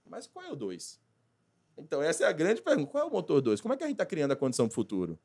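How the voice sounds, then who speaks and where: A man, a consultant talking as a podcast guest, animated and acting out little dialogues. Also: on the high side, very fast, slightly rough. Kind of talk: casual podcast conversation.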